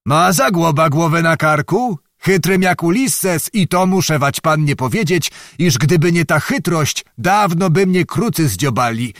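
A man's voice: fairly high pitch, expressive, measured pace, few pauses, a bit bright, no room sound, clean studio sound, voice pushed up. A man voicing a boastful, cunning old nobleman who blusters and commands, reading a storybook.

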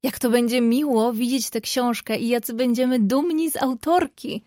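A woman's voice: on the high side, normal speed, mellow, no echo, close to an everyday voice. Woman reading as a playful young guy, teasing and cheery, dry close sound.

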